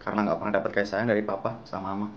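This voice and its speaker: A man's voice: lowish voice, little pitch movement, rapid-fire, dull audio, slight background noise, natural voice. A man playing a neglected teenage son who pleads with his parents for love, wounded and bitter. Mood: hurt. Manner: wounded, pleading, turns accusing.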